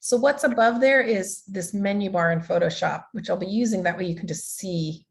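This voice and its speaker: A woman running a live online art workshop, talking casually and loosely, full of ums and restarts as she walks through the steps. Her pitch sits in a middle range for a woman, and she is heard through a video call mic. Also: moderate pace, vocal fry. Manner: chatty, loose, with many fillers and restarts. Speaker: digital art instructor.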